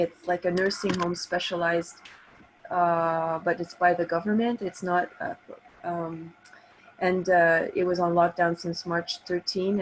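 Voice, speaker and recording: This massage therapist, a middle-aged Canadian woman, talks in a casual, personal way while calling in on a laptop with no camera. Her voice sits on the low side. Slight background noise marks the low-quality recording.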